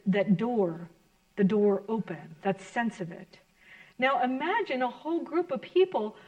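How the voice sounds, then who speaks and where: A woman minister giving a sermon to her congregation in an earnest, reflective, gently encouraging way. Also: a little high, muffled recording.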